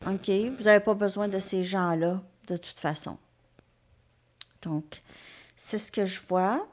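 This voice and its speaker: Slow, gentle woman reading tarot. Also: medium pitch. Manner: gentle and reassuring, often checks in with "ok?". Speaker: tarot reader. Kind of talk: tarot reading addressed to viewers.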